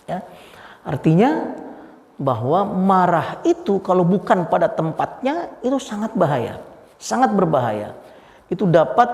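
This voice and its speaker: Guy teaching religion in a mosque, kinda high gravelly voice, says "ya" a lot, big echoey hall. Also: a little mellow. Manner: conversational, frequent "ya" fillers, acts out quoted dialogue. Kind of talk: mosque study lesson.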